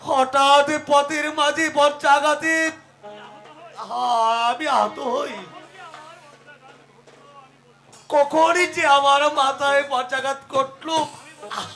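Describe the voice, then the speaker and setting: A wounded fugitive father, desperate and gasping, in Bengali jatra melodrama. His very high voice drags slowly through halting, repeated words and groans. Faint music plays behind him. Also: creaky, fairly bright tone, heavily acted. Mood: dying, pained.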